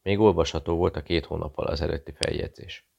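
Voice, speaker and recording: A man narrates an audiobook in an even, measured way. His voice is extremely low, with a rough, gravelly texture. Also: lo-fi sound, slight background noise. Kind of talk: scripted narration.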